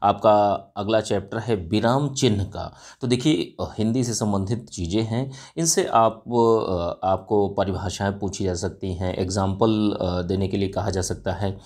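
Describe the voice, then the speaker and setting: A man's voice: on the low side, a little slow, hardly any pauses, darkish tone. A male teacher giving an exam-prep lecture, explaining step by step and often asking and answering his own questions, with frequent fillers. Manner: frequent fillers and self-corrections.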